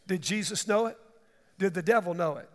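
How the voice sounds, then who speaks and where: A man preaching an impassioned evangelical sermon as pastor, dramatic in delivery, with a gravelly voice. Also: sits high, a little fast. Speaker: pastor preaching to his congregation. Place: large church hall, preaching to a congregation. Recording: echoey large hall with long reverb.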